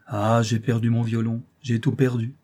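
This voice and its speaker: A man's voice: mid-range voice, little pitch movement, moderate pace, warm tone, lightly acted. A man reading aloud a poor orphan boy violinist, lamenting in an emphatic, grieving voice.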